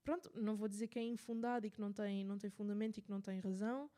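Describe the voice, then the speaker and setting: A radio host with a European Portuguese accent, her voice mellow and warm at a middle pitch. She explains things casually, searching for words as she goes and restarting her sentences often. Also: flat delivery, rapid-fire. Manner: thinks aloud with many fillers and restarts. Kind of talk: casual spoken commentary.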